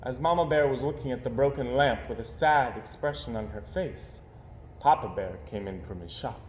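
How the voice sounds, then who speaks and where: A man reads a children's story aloud, narrating expressively in a mid-range voice at a moderate pace. The recording has a roomy echo and faint background noise.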